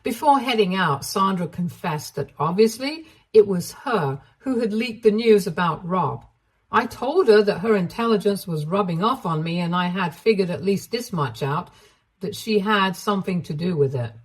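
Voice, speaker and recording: Woman narrator, mid-pitched, steady story reading. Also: moderate pace, husky. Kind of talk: reading a first-person drama story aloud.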